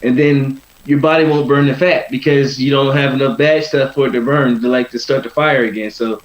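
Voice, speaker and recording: Fast-talking man in a roomy recording. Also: mid-range voice, fairly even intonation. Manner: rambling, peppered with "you know" and "and stuff". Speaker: boxer being interviewed. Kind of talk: casual interview chat. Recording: roomy, dull lo-fi sound.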